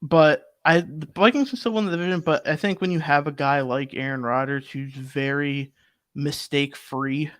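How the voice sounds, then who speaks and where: A young man co-hosting a sports betting show, arguing football picks in casual, animated talk full of fillers. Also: on the high side, normal speed, dry recording. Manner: animated, argumentative, rambling with fillers.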